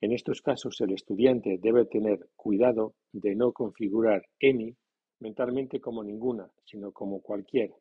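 A man teaching a grammar lesson in a measured, scripted way, reading example sentences slowly. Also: on the low side, fairly even intonation, husky. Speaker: language teacher. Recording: dull lo-fi sound.

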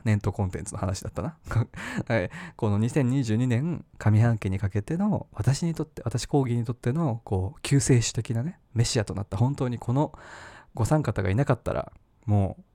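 A man's voice: on the low side, mellow, no room sound. A man hosting a podcast on his own, rambling and self-mocking with lots of fillers. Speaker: podcast host. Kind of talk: casual solo podcast talk.

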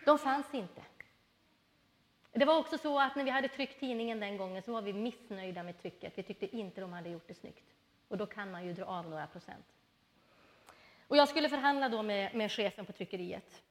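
A middle-aged woman preaching a sermon, telling personal stories in a lively way and acting out the voices she quotes. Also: medium pitch. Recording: reverberant hall.

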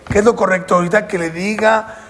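A man teaching a Torah class as a rabbi, animated and constantly asking his listeners yes-or-no questions. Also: high-pitched, quick pace. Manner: animated, keeps quizzing listeners with "sí o no". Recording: echoey hall with faint noise.

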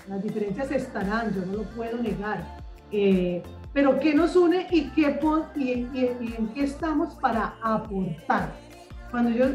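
Enthusiastic woman in her fifties, high voice. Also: darkish tone, reverberant, far from the mic, low-quality recording. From Colombia. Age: 50s. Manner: enthusiastic, repeats words while searching for them. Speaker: guest, communicator and author. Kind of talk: radio interview conversation.

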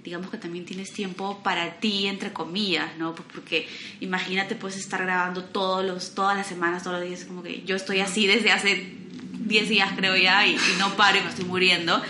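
A woman's voice: medium pitch, level tone, brisk, sharp tone, reverberant, slight background noise. A Peruvian woman hosting a podcast, chatting casually and encouraging her guest. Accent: Peruvian Spanish. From Peru. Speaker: podcast host. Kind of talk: casual interview chat.

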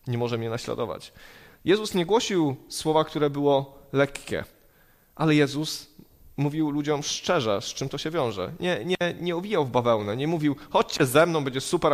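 A man preaching a sermon, earnest and emphatic, building his points through repetition. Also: medium pitch. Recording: long hall reverb.

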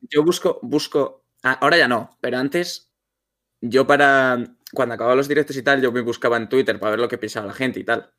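A young man, a guest in a casual chat, telling stories in a relaxed way. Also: mid-range voice, brisk. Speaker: guest streamer.

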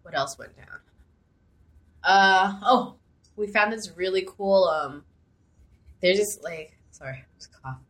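A woman's voice: mid-range voice, slow pace, long pauses, a bit bright. A young woman co-hosting a podcast in casual chat, rambling with many fillers and restarts. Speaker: podcast co-host.

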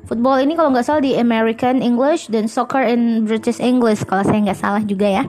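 A woman English teacher hosting a podcast, explaining student recordings in a measured way with frequent hesitant fillers. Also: fairly high pitch, fairly even intonation, darkish tone.

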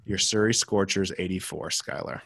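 A man's voice: low-pitched, fairly even intonation, moderate pace, gravelly, a bit bright, no room sound, clean studio sound. A young American man co-hosting a podcast, chatting casually about basketball results with plenty of fillers and restarts. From United States. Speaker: podcast co-host. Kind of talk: casual sports chat.

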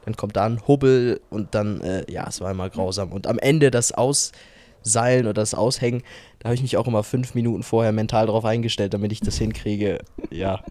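A man's voice: on the low side, steady tone, a little fast, mellow, no room sound. A young man co-hosting a podcast in casual chat, hesitant, often restarting his sentences. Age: young adult. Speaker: podcast co-host.

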